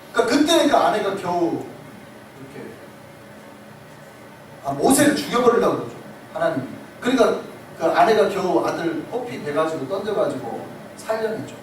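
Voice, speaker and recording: A male pastor delivering a sermon in animated storytelling, acting out the voices in it. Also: high-pitched, normal speed, pauses often. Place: church sanctuary. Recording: echoey sanctuary, distant mic, noisy.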